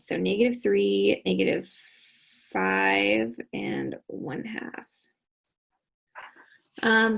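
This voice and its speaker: A woman's voice: mid-range voice, gravelly, breathy edge, poor audio. A woman teaching a recorded math lesson, talking students through each step and answering her own questions. She sounds tired and keeps yawning.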